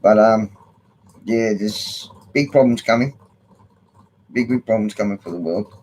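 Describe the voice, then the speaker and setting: A man's voice: lowish voice, measured pace, darkish tone. An older Australian man with slurred speech from missing front teeth, rambling casually in a blunt, sweary, matey way. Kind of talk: casual rambling opinion vlog. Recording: noticeable background noise.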